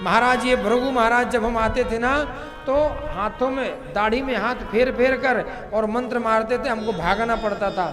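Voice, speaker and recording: A man's voice: extremely high pitch, normal speed. A man voicing Nandi, a grumbling divine attendant. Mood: complaining. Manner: aggrieved, complaining. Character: Nandi, the bull attendant, complaining to his master. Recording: long hall reverb with music.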